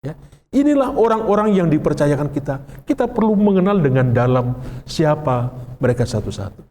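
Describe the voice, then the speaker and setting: A man's voice: on the high side, sing-song, moderate pace, mellow. A man with an Indonesian accent, a pastor preaching a sermon in a conversational way, often putting questions to the congregation. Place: church sanctuary. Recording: long reverb of a church hall.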